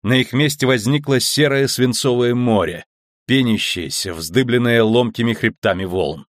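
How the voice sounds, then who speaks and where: A man narrating an audiobook in a measured, even reading. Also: medium pitch, no echo, studio quality. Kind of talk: scripted narration.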